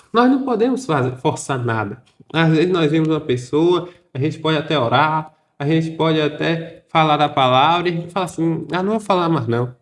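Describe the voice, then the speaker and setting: A man who speaks in a measured, thoughtful way in a Bible discussion and reads scripture aloud. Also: fairly high pitch. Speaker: Bible study participant.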